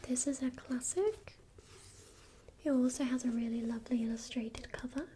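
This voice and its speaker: A woman playing a helpful librarian in a whispered role-play, speaking in a soft, breathy, gentle library whisper. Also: sits high, normal speed, a little hiss or hum, lightly acted. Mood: gentle, hushed. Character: helpful female librarian recommending books. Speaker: ASMR performer.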